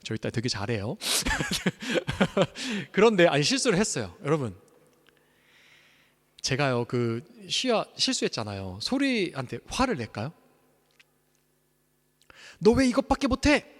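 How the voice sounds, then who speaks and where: A man in his thirties preaching a sermon as pastor, animated, swinging between loud emphasis and soft whispers, recorded in a church hall. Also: on the high side, a little slow. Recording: church hall with long reverb.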